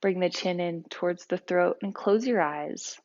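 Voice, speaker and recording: A woman leading a guided yoga and breathing class, speaking calmly and slowly with soft-spoken guidance. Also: fairly low pitch, muffled recording. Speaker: yoga instructor.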